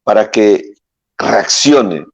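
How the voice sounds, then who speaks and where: A middle-aged man, a priest, giving a homily full of anecdotes and often pausing to search for words. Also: lowish voice, expressive, creaky, no echo. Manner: rambling, searches for words, many fillers. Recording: dull, dry lo-fi sound.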